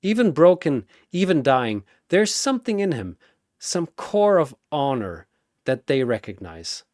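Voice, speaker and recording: In a close, dry recording without echo, a man gives suspenseful battle narration at a measured pace. His voice is theatrical and darkish in tone, swinging widely in pitch.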